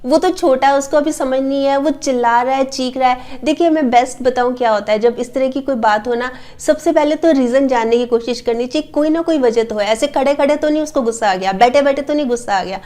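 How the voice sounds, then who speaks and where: A woman's voice: sits high, brisk, warm tone. A middle-aged woman talking earnestly to the camera as a parenting advice host, repeating her key points and acting out scolding parents. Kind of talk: casual advice talk to camera.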